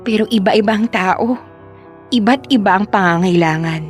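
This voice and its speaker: A woman's voice: mid-range voice, normal speed, faint music behind, lightly acted. An actress playing a frustrated young girlfriend in a radio drama, narrating her story in an earnest way. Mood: reflective. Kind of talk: radio drama acting and first-person narration.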